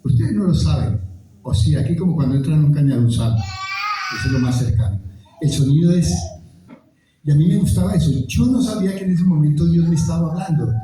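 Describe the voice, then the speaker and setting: A man's voice: fairly high pitch, fast, warm tone, slight background noise. A Colombian man giving an emotional testimony at a conference, acting out the voices of the people in his story. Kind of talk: testimony talk. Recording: very echoey hall, from a distance.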